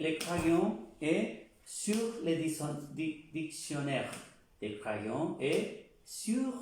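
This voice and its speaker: A man giving a slow language lesson, repeating words over and over and stopping to look things up in a dictionary. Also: on the high side, creaky, darkish tone, slight background noise. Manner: repeats words slowly, pauses and searches a dictionary. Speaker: French teacher. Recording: echoey room, far from the mic.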